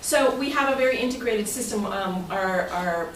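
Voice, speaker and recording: A woman with a medium-pitched, slightly bright voice speaks at a normal speed. As club president, she gives members an informal presentation that is chatty, rambling and loosely phrased. The recording is roomy and noisy, picked up from far away.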